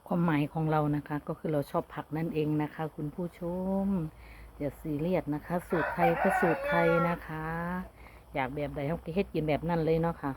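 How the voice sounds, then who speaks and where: Low-voiced Isan woman chatting outdoors. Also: little pitch movement, a little fast, darkish tone, a little hiss or hum. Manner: chatty, laughs often, polite particles. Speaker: vlogger cooking and gardening at home. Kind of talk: casual chat to camera. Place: outdoors at a rural home.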